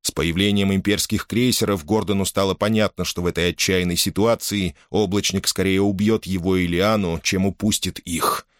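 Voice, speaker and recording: Male audiobook narrator, steady measured reading, very low voice, dry close recording. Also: dry recording. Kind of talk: scripted narration of a science fiction novel.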